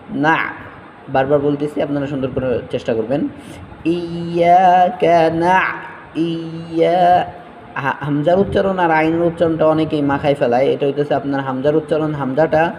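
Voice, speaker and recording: A man teaching Quran recitation, spelling out letters syllable by syllable and chanting verses slowly between quick explanations. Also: a little high, darkish tone, big-room sound, slight background noise, rough recording.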